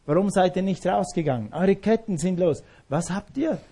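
A frightened prison jailer, stunned and out of his depth, blurts one anxious question after another. His voice climbs higher than a normal speaking voice and stays dark in tone, as a preacher acts him out in a sermon. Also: expressive, breathy edge. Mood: bewildered. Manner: frantic rapid questions. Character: panicked male prison jailer, bewildered.

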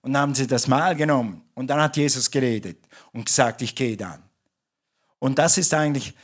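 A man's voice: mid-range voice, fast talker. German man preaching a sermon. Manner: conversational preaching with restarts and self-corrections. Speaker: pastor. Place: church.

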